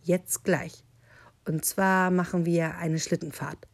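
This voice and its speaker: A woman's voice: level tone, slow pace. Woman doing a sly, lisping hungry wolf. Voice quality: put-on deep bass voice with a lisp. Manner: mock-polite, scheming. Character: smooth-talking hungry male wolf, sly.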